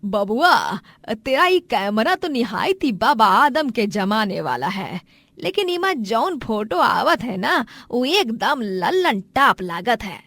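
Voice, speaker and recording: A woman's voice: on the high side, sing-song, slow pace, a bit bright, dry recording, full character voice. Woman doing a folksy old village granny. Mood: teasing. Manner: rustic village dialect, scolding. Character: elderly village grandmother, folksy and blunt.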